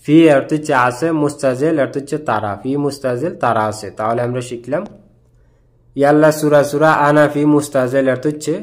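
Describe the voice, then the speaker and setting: A man giving a scripted language lesson, explaining each phrase word by word in a steady, repetitive way. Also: mid-range voice, fairly quick. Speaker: language teacher.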